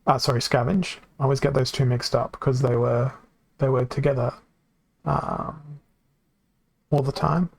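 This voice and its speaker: A male game streamer with a gravelly, fry-laden voice, worn from hours of talking. He thinks aloud at his desk microphone, wandering off and correcting himself. The sound is dry and close, with no room around it. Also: mid-range voice, little pitch movement, a little slow, pauses often, dry recording. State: voice getting worn from long talking. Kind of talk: casual game stream commentary.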